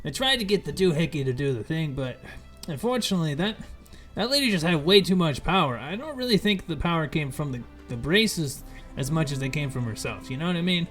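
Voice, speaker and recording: A man as chatty high-pitched trader Fizban. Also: animated, fairly quick, fairly bright tone, faint music behind. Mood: friendly, salesy. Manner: rambling, folksy, eager to sell. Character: chatty, awkward small-time male trader named Fizban.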